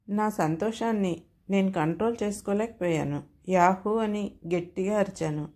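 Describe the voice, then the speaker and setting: Woman reading a funny audio story, lively first-person telling. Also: medium pitch. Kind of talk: narrating a comic audio story.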